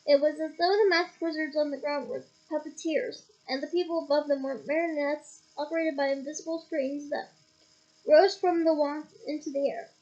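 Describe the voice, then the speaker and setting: Woman reader, high voice, chatty asides, lo-fi home recording. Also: steady tone, moderate pace, a little mellow. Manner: casual, stops to comment and laugh. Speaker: audiobook reader. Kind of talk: reading a novel aloud with asides.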